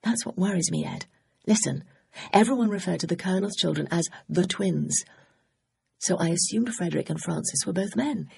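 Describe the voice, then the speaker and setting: A woman reading an audiobook, voicing a suspicious woman amateur sleuth who speaks crisply and curtly. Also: fairly low pitch, expressive, normal speed, dark tone, full character voice. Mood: sharp. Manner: crisp, wary and curt.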